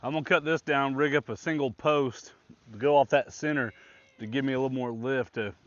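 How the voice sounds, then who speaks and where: A man's voice: medium pitch, a little fast. Folksy man outdoors, dull windy camp audio. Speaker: outdoor camping vlogger. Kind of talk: casual chat to camera while working. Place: outdoors in the open by a pond in gusty wind.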